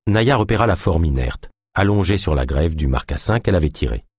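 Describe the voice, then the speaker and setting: A man reading an audiobook aloud, in measured, even-paced narration. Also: low-pitched, slightly rough, no echo, clean studio sound.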